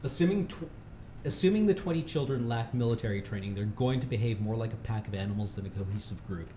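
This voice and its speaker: This charity livestream reader has a lowish, dark voice with lively intonation and a quick pace. He reads a humorous article as though it were solemn instruction, laughing often along the way. The room is echoey, with faint background noise.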